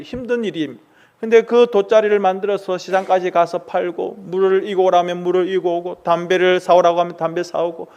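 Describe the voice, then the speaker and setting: A man preaching, telling a story in a dramatic, animated way to his congregation. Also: a little high. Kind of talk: storytelling sermon.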